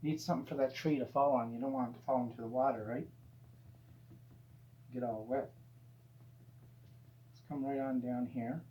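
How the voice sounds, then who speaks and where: Gentle guy teaching painting step by step, real relaxed and encouraging, echoey room, faint hum behind him. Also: mid-range voice, moderate pace, long pauses. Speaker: painting instructor. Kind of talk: painting demonstration, casual instruction. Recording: dull, roomy sound with faint hum.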